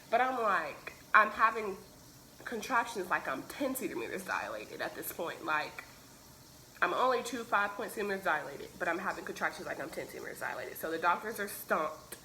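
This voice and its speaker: A woman's voice: medium pitch, big pitch swings, normal speed, bright, forceful tone, slight background noise, rough recording. A woman vlogger recounting a personal story at home in a chatty, emotional way, full of fillers.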